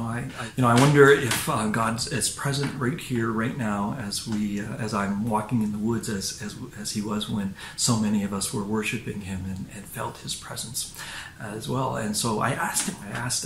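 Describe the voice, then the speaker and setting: Halting older man preaching from his living room. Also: mid-range voice, gravelly. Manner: halting, many fillers and restarts. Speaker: pastor. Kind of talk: sermon. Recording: roomy home recording with faint noise.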